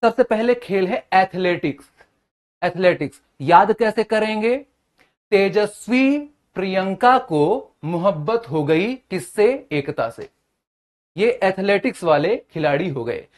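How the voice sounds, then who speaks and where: A man's voice: high voice, expressive, slow pace. A young male teacher giving an exam-prep lecture, building memory tricks and checking in with short questions. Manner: mnemonic-heavy, keeps asking "है ना?" and "ठीक है?".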